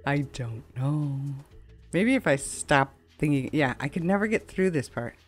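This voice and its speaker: This woman's voice sits low, animated yet unhurried. She gives chatty, meandering let's play commentary from home, game music in the background, a fan running and a window cracked open.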